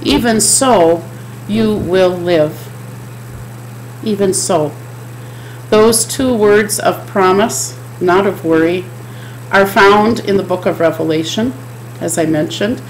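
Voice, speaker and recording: A middle-aged woman preaches earnestly in a steady, repetitive cadence, her pitch sitting in a middle range. She speaks from a home office into a desk webcam. A faint hum runs underneath her voice. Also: slow pace, pauses often, poor audio. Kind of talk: chapel sermon. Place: home office with bookshelves, indoors.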